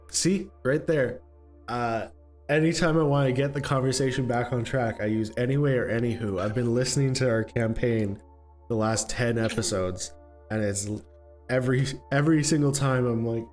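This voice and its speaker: A man's voice: medium pitch, a little mellow. A man in his late twenties hosting and running a tabletop game, chatting casually with many fillers. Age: late 20s. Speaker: game master and host. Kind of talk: casual chat.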